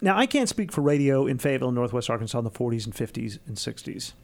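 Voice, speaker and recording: A man's voice: mid-range voice, sing-song, quick pace, vocal fry, darkish tone. A man interviewing a colleague, asking reflective, leading questions. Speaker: radio interviewer.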